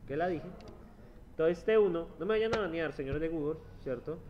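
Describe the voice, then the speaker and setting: A man's voice: on the high side, normal speed, a little hiss or hum. A man lecturing a university class, chatty and teasing, checking in with the students all the time. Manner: chatty, teasing, asks "¿sí?" constantly. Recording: dull lo-fi classroom recording.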